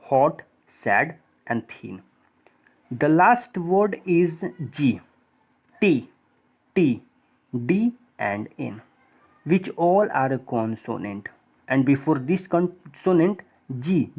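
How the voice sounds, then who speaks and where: Slow, deliberate male teacher. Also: medium pitch. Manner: mixes English and Hindi, spells out letters, quizzes the class. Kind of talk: classroom grammar lesson.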